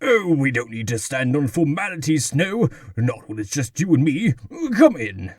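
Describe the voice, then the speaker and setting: An older, pompous mayor-king in a comic dub, genial and fussy. His husky voice sits fairly high and swoops wildly, blustering theatrically in a dry, close recording. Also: big pitch swings, moderate pace, no echo.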